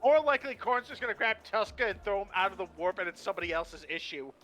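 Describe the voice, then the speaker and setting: A man's voice: sits high, expressive, fast, bright, forceful tone. A man co-hosting a casual podcast, teasing and joking drily. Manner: teasing, dry jokes. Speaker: podcast co-host. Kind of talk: casual chat.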